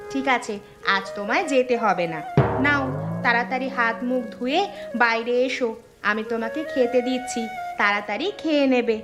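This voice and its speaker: Lady doing a bossy wife in a cartoon, fussing and scolding, highish. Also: moderate pace, over music, lightly acted. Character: nagging middle-aged wife and mother. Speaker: cartoon voice actor. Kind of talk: cartoon dubbing.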